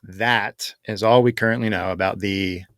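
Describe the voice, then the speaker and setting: A man co-hosting a podcast, talking casually and explaining things with many fillers and pauses. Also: on the low side, steady tone, fairly bright tone, no echo, studio quality. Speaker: podcast co-host. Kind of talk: casual chat.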